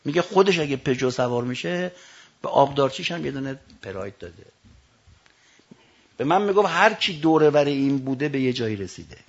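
Male preacher, sermon storytelling, raspy fry in the voice, hushed then booming, slow drawn-out recitations, dull lo-fi recording. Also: expressive. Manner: swings from hushed storytelling to loud declaiming.

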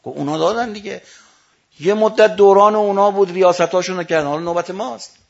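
Male preacher, sermon storytelling, raspy fry in the voice, hushed then booming, slow drawn-out recitations, dull lo-fi recording. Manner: swings from hushed storytelling to loud declaiming.

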